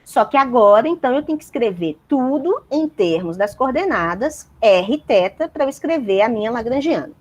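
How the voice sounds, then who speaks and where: A woman's voice: on the high side, animated, normal speed, hardly any pauses. A woman giving a university physics lecture, explaining step by step and checking in with her students.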